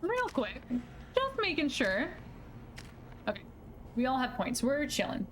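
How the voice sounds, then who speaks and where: A woman game streamer giving casual commentary, chatty, jittery and expressive. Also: sits high, measured pace. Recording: clear background game noise. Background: video game action.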